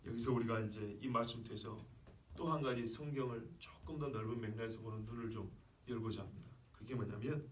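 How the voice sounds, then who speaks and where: A pastor with a lowish voice delivers a sermon in a church sanctuary, his tone steady and his pace brisk. He speaks emphatically and often poses questions to the congregation. A distant mic gives the recording a roomy church sound.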